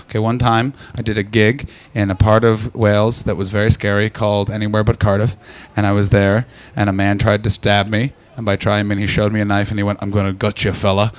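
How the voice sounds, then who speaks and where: A man doing stand-up crowd work, brash and profane, teasing the audience and breaking into loud shouts. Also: fairly low pitch, little pitch movement, brisk, few pauses. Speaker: stand-up comedian. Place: London comedy club.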